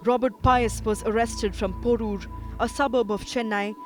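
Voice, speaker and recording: A man reading a scripted news documentary narration in a measured, even way. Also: high-pitched. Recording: voice-over with music behind.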